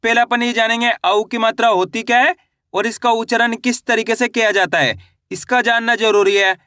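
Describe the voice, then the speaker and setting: A man teaching Hindi reading, spelling out syllables slowly and asking questions he answers himself in a lower voice. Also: fairly even intonation, bright, forceful tone, clear, resonant tone, no echo, studio quality. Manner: asks questions and answers them himself in a low drawn-out voice. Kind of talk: classroom-style lesson.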